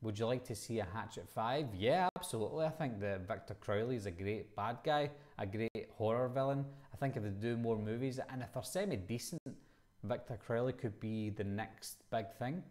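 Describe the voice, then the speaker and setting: Here the Glaswegian host, a man in his thirties, has a lowish, slightly mellow voice at a normal speed. He runs his live chat casually, reading each question out and then answering it conversationally.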